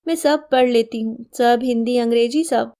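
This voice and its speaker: A woman doing a desperate trapped young wife, pleading, fairly high voice. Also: normal speed, mellow, close to an everyday voice.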